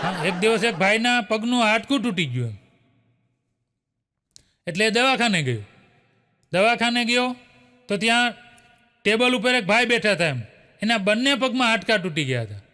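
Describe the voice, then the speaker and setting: A man's voice: high voice, expressive, sharp tone. A man telling a string of short jokes, chuckling often as he goes. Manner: brisk storytelling, chuckling often, tags lines with a filler. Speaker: joke teller. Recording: long hall reverb.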